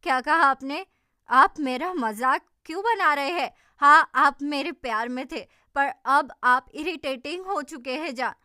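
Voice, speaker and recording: Excitable young woman, voiced by a woman, animated, emphatic, high voice, drama recap. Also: unhurried, no room sound, clean studio sound, full character voice. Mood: indignant. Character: lively young woman, excitable, quick-tempered.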